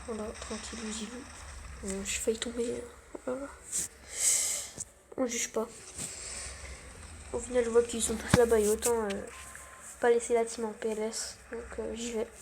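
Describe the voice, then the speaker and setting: A woman's voice: a little high, little pitch movement, normal speed, pauses often, noisy background. A young woman giving casual, self-mocking gameplay commentary, full of gamer slang. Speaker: gaming channel host.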